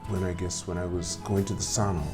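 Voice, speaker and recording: A man's voice: sits low, little pitch movement, a little fast, music in the background. A man hosting a podcast, prompting his guest with questions and finishing her sentences. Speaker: podcast host. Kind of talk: conversational interview.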